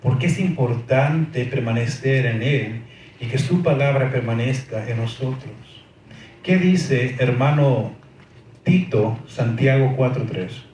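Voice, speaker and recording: This emphatic sermon comes from a man with a medium, darkish voice who takes his time. He repeats "amén" and puts rhetorical questions to the congregation. The church hall recording is very echoey, with faint noise and a distant mic.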